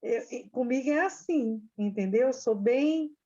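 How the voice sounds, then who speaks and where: Slow, mellow Brazilian woman host. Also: fairly high pitch, dull audio. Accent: Brazilian Portuguese.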